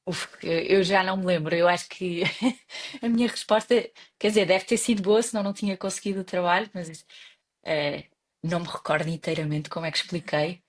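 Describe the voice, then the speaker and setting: A young woman from Portugal speaks with a European Portuguese accent in a fairly low voice. She answers interview questions in a relaxed, conversational way, with frequent pauses and restarts. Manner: hesitant, many restarts and fillers. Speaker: guest.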